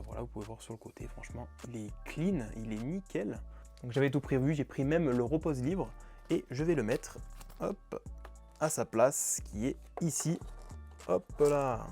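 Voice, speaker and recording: A man's voice: medium pitch, dark tone. A young man chatting casually as a vlog host, eagerly showing off his manga purchases with lots of fillers. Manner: enthusiastic, chatty, many fillers. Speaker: manga collecting YouTuber.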